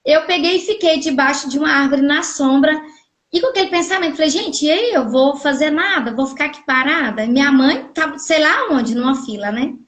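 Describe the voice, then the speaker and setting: A woman's voice: high voice, fairly quick. A middle-aged woman from Goiás, Brazil, telling her story casually on a live stream, acting out the voices of people in it. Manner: animated, acts out quoted dialogue. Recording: echoey room audio from a live stream.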